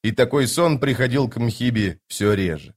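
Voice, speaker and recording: A man narrating a fantasy audiobook from a home recording setup. His reading is measured and even, with a mid-pitched voice typical for a man. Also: slightly rough.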